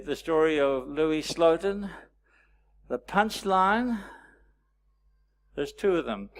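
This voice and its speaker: Gravelly-voiced man teaching storytelling. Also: on the high side. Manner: anecdotal, wry, pausing often. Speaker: workshop presenter. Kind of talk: storytelling workshop talk.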